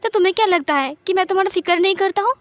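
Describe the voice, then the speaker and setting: A woman's voice: sits high, fairly even intonation, moderate pace, no room sound, natural voice. A woman reading as an earnest young lover. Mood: anguished. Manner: earnest, pleading, tearful at times. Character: young man, protective, emotional lover. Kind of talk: Hindi fan-fiction reading.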